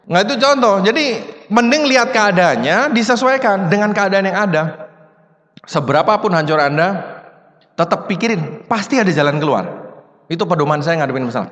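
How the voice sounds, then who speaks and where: In a hall with long reverb, a male motivational speaker with a high, fairly bright voice talks to a seminar crowd. His manner is casual and conversational, packed with rhetorical questions.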